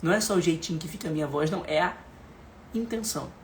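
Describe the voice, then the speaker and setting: Guy teaching leadership, repeats himself a lot, goes soft and calm, faint hiss behind. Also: on the high side, fast talker. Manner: emphatic and repetitive, often dropping to a soft calm voice. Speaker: leadership and speaking coach. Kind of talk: motivational lesson.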